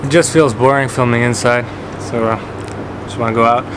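A man in his twenties casually answering viewer questions in a relaxed, chatty way, with lots of fillers and restarts. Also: mid-range voice, moderate pace. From Canada and Qatar. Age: 20s. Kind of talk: casual Q&A vlog. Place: home office, then outdoor courtyard. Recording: echoey room with clear background noise.

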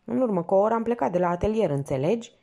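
A woman's voice: medium pitch, animated, creaky, dark tone, pitched above the performer's own voice. A woman voicing an agitated, insistent young male painter in an audiobook story. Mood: urgent. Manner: urgent, insistent.

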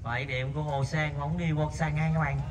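A man with a level tone and brisk delivery covers a local night match on an outdoor floodlit five-a-side pitch. Viewer messages get read between plays, and his voice shoots up sharply on shots; the distant mic picks up a little hiss or hum.

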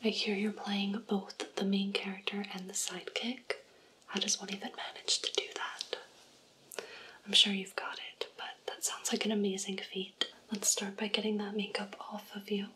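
A young woman in a whispered role-play as a kindly backstage makeup artist, softly whispering close to a microphone in a small room. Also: mid-range voice, flat delivery, normal speed, lightly acted. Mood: brisk caring. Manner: gentle unvoiced whisper, close to the mic. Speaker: ASMR creator. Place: small indoor room with purple light. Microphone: close studio microphone.

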